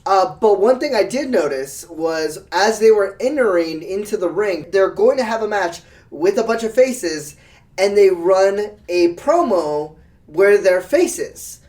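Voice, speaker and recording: A man's voice: high voice, expressive, unhurried, a little mellow, distant mic. A man co-hosting a casual wrestling podcast, giving emphatic opinions. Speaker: podcast co-host. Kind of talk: casual chat.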